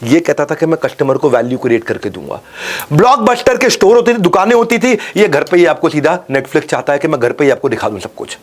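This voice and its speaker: A man's voice: on the high side, big pitch swings, fairly quick. A man giving a motivational business lecture, urging listeners to listen, asking rhetorical questions and repeating punchy slogans. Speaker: business speaker.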